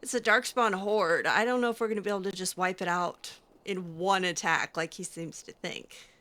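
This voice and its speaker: Her voice sits on the low side, bright and forceful, at a normal speed. Playing a role-playing game, this woman improvises her character's lines out loud in a casual, chatty, halting way with a faintly sardonic edge.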